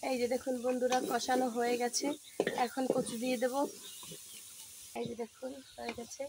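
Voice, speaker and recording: A woman vlogger talks her viewers through a home recipe in a steady step-by-step way. Her voice sits high and stays flat in tone. The recording has plain background noise from a rural kitchen. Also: normal speed. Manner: steady step-by-step narration, addresses viewers as friends. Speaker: cooking vlogger. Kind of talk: casual cooking demonstration. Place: home kitchen with a wood-fired stove.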